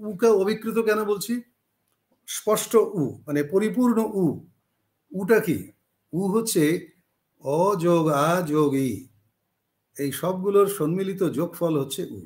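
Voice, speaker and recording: A man giving a spoken lecture on spelling and word roots, explaining slowly with frequent pauses and self-corrections. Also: sits high, a little mellow. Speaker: teacher.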